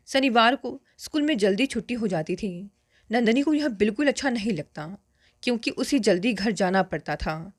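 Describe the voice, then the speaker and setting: A woman narrates a family story in the first person, steady and earnest. Her voice sits a little high, and the recording is close and dry, with no room sound. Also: no room sound.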